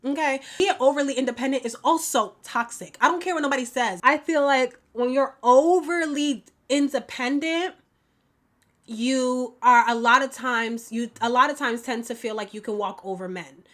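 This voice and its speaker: A woman vlogger in a casual get-ready-with-me chat, emphatic and repeating her points in quick bursts. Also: high-pitched, fairly bright tone.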